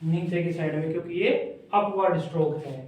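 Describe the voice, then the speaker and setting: A male shorthand teacher giving a classroom lesson, saying each word slowly twice and stopping to ask his students questions. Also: on the high side, a little mellow. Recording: distant, echoey, dull lo-fi room sound.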